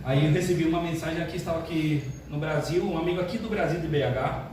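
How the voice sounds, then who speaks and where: An older man, a pastor, opening his sermon with jokes in a chatty, animated way. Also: a little high, fast talker. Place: church sanctuary. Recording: echoey church hall, distant mic, room noise.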